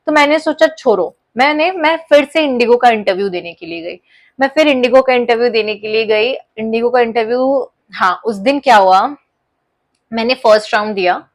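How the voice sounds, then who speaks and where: A young woman vlogger telling a personal story in a casual, animated way, often mixing English phrases into her talk. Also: fairly high pitch, normal speed. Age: young adult.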